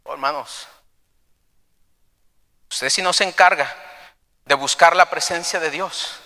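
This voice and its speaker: A pastor preaching an impassioned sermon, retelling a story with dramatic flair. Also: male voice, a little high, slow pace, sharp tone, big-room sound. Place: church.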